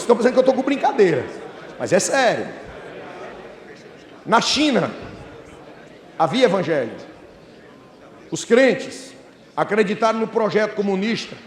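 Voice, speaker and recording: A Brazilian male pastor with a high, ringing voice preaches with fire, shouting and then dropping into chuckling asides. His voice booms through a roomy church hall with a long, lingering reverb. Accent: Brazilian Portuguese. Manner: fiery, shouting, with laughing asides. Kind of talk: sermon.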